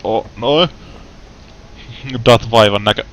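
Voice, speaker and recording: A man's voice: on the low side, fairly bright tone. A young Finnish man giving casual gameplay commentary, with frustrated outbursts and English words mixed in. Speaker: gaming let's player.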